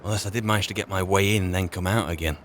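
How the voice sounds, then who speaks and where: Speaking very fast in a low, steady, fairly bright voice, this man voices a wary wizard-adventurer in character for a video game. He muses to himself in brief phrases. Only game ambience sits behind him, otherwise clean.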